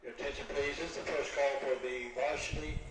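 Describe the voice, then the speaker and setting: A man making formal event calls over a PA loudspeaker at an outdoor track meet, in flat, measured call-outs. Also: mid-range voice. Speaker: meet announcer. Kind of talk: formal public announcement. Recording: echoey PA heard from far off, noisy.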